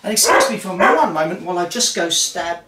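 Talking a little fast in a pushed, bright, expressive mid-range voice, a player works through a solo tabletop wargame. They mutter dice sums, hum and talk to themselves in a casual play-by-play of rolls, recorded roomily from a distant mic.

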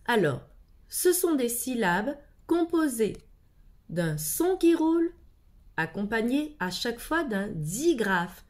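A woman teacher leads a reading lesson for young children at a very slow, deliberate pace. Her fairly high voice rises and falls with lively movement. She patiently speaks to the child directly and repeats each word twice. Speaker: primary school teacher.

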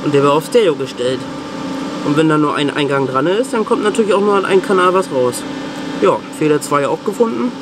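A video host who works as a PA sound technician offers casual, off-the-cuff vlog commentary in informal speech, moving through indoor venue rooms and a cellar. His voice is a little high, expressive, and brisk, with background hum and room noise.

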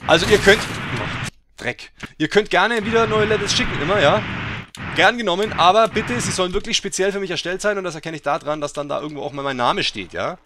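A man giving let's play game commentary, excitable and teasing, who swears and bursts into loud yells. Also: sits high, a little fast, noisy background. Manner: mocking, teasing banter.

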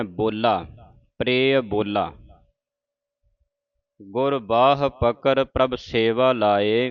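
A man with a Punjabi accent teaching pronunciation of scripture, chanting lines slowly and correcting each word, addressing listeners as the congregation. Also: mid-range voice, clear, resonant tone, dry recording, dull audio. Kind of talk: religious pronunciation lesson.

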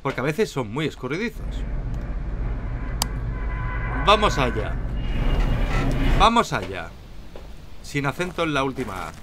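A man's voice: medium pitch, big pitch swings, fast, noisy background. A young man from Spain with a Spanish accent, chatting and joking to viewers during a solo game commentary. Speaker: gaming YouTuber.

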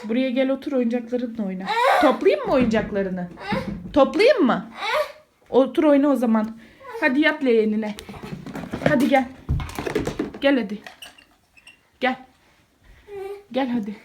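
A woman's voice: high-pitched, animated, unhurried, long pauses. A woman in her thirties chatting casually in a home vlog, talking to her son in doting baby talk. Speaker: vlogger mother. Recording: loud background noise.

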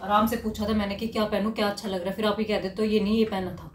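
Quick woman nagging her husband, repeats herself, roomy echo, faint noise. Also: mid-range voice, level tone. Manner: insistent, keeps repeating questions. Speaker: wife in a couple's vlog. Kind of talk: domestic argument, casual. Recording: echoey room with faint noise.

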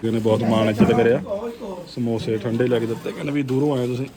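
A man's voice: mid-range voice, steady tone, fast talker, crowd noise. A man with a Punjabi accent hosting a casual vlog, narrating and bantering on the go. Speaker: vlogger hosting the video. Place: on the move, in a vehicle and outdoors.

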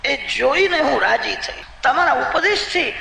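Cruel vengeful serpent as a preacher puts him on, high gravelly voice, bright edge, echoing room. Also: male voice, expressive, unhurried, a little hiss or hum, full character voice. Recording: roomy echoing hall recording.

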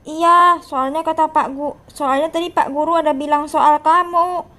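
A woman's voice: high-pitched, steady tone, moderate pace, pushed and bright. A woman playing a timid apologetic schoolgirl. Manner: apologetic, nervous.

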